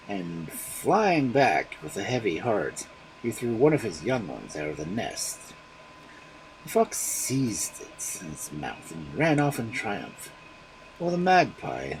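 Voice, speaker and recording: A man reading fairy tales aloud on a livestream in an expressive, dramatic storytelling manner. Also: mid-range voice, a little hiss or hum, poor audio.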